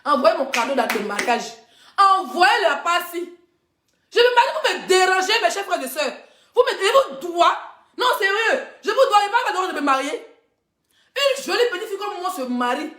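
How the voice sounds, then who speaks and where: A woman blogger in a live social media rant, loud and mocking, often laughing as she talks. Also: very high voice, sing-song, normal speed, echoey room. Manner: mocking, loud, laughing through her talk. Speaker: blogger and influencer.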